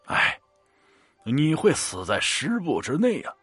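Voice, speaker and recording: A man's voice: on the high side, huge pitch swings, slow pace, fairly bright tone, husky, no echo, soft background music, exaggerated voice. A man playing a stubborn old street fortune-teller. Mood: insistent. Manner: urgent, insistent.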